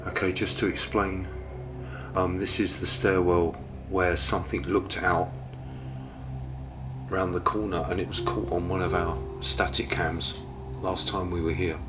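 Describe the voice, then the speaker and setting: A man working as a paranormal investigator, explaining things on location in an old fort in a hushed, steady, matter-of-fact way. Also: low voice, measured pace, music in the background.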